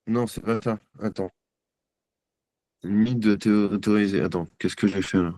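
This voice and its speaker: A man's voice: on the low side, fairly even intonation, moderate pace, dark tone, dry recording. Man, hesitant, self-deprecating, video call, dry sound. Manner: hesitant, fumbling with screen sharing, self-deprecating. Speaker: guest journalist. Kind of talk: live video call, casual talk.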